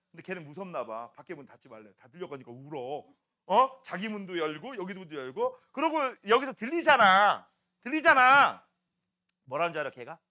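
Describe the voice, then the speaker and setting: A middle-aged man teaching a science class, telling animated stories and throwing in chatty rhetorical questions. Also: fairly high pitch. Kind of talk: classroom lecture.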